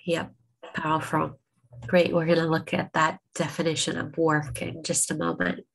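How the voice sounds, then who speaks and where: A woman rabbi teaching a class over a video call, sniffly from a cold. Her voice is low and gravelly, and her pitch stays flat. She speaks slowly and unhurriedly, with plenty of ums as she works through her points. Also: rough recording. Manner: unhurried, many ums and restarts.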